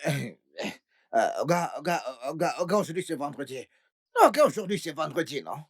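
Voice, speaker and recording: A woman dubbing a grovelling, scheming male house employee, with a raspy voice and stammering, wailing pleas. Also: sits low, big pitch swings, moderate pace, heavily acted. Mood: hesitant. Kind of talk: French film dub.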